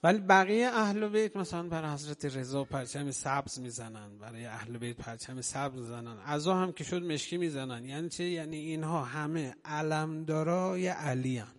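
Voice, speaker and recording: Impassioned preacher man in a reverberant hall. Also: a little high. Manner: impassioned, rising to loud emotional peaks, slowing on key phrases. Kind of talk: religious sermon storytelling.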